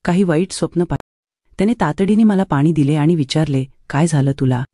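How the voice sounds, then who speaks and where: A woman's voice: sits low, a little fast, warm tone, no echo, clean studio sound. A woman voicing a rude rich young man who talks to her in a stern, ordering tone. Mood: concerned.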